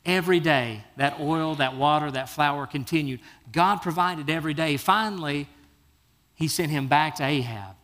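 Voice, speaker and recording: A pastor preaching a sermon, telling Bible stories in a folksy, animated way and acting out the characters' lines. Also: male voice, a little high, moderate pace. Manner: animated storytelling, acts out biblical figures; folksy, casual phrasing.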